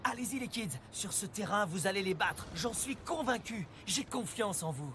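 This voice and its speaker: Earnest, reassuring basketball coach, cartoon. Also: male voice, sits high, expressive, normal speed, a bit bright, a little hiss or hum. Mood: encouraging. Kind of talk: French animated series dubbing. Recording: music under the voice.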